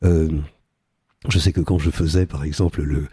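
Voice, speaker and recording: A man's voice: rumbling low, steady tone, moderate pace, warm tone, slightly rough. An older man, an actor being interviewed on radio, talking animatedly and slipping into character voices now and then. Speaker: guest actor.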